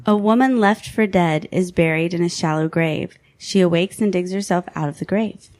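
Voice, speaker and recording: Woman, podcast co-host, steady reading, lowish voice, dry close sound. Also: moderate pace, dry recording. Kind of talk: reading a countdown list aloud.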